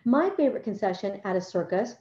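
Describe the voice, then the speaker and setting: A woman's voice: expressive, fast, mellow, roomy sound, dull audio. A woman language arts teacher walking other teachers through a writing lesson with enthusiasm, sometimes acting out how she talks to her class. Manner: enthusiastic, acts out classroom talk in a higher voice.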